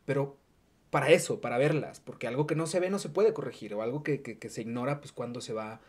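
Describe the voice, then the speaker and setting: A woman's voice: extremely low pitch, fast, a little mellow, husky. A woman with a Mexican accent hosting a podcast, musing aloud and chatting casually with her guest. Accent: Mexican Spanish. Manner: reflective, chatty, muses aloud. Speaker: podcast host.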